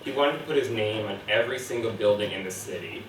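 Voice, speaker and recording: A man's voice: lowish voice, fast, recorded from a distance, slight background noise. A man at a casual gathering who calls out directions to people and retells a story with a mocking quote. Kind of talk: casual party chat. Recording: roomy, off-mic.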